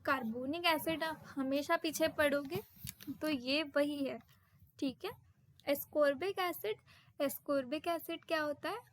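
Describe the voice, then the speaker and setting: A woman explaining a science textbook lesson, and she reads the English terms out slowly, one by one. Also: high voice, a bit bright. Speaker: teacher.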